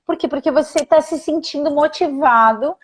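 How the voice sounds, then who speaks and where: A woman's voice: high-pitched, moderate pace. A woman guest in a casual live conversation, enthusiastic and explanatory.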